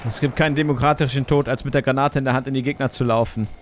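A man's voice: mid-range voice, steady tone, very fast. A man hosting a gaming session, chatting casually with playfully bombastic mock-military commands. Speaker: let's play host, squad leader. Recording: clear game noise and gunfire behind. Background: game ambience and gunfire.

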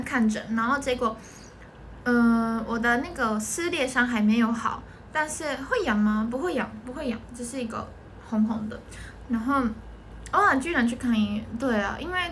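Chatting casually on a home livestream, this young woman from an idol group replies to comments and often laughs, speaking with a Taiwanese Mandarin accent. Her slightly high voice is a bit bright, with a little background noise.

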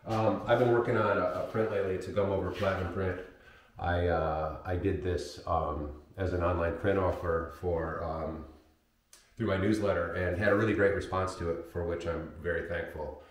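A man livestreaming from his home darkroom, talking in a rambling, apologetic way with many fillers, his voice carrying a heavy booming room echo from the camera's built-in mic. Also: steady tone, moderate pace. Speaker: photographic printmaker livestreaming. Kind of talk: casual live stream chat. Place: home darkroom workspace with sink. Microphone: camera's built-in mic, wireless mic failed.

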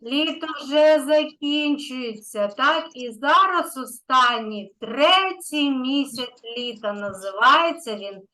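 A high, bright-voiced woman teaching a small child, slow and patient. She praises often and draws out the important words so the child can follow. Her voice stays gentle and encouraging. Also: rough recording. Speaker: kindergarten teacher. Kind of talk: online lesson with a young child.

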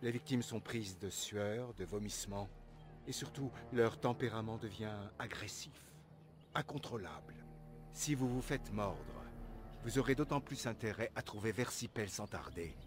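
Man acting grave, low-voiced elf clan leader. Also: unhurried, close to an everyday voice. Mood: grave warning. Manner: formal, solemn, brusque. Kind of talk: video game dialogue acting. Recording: music behind the voice.

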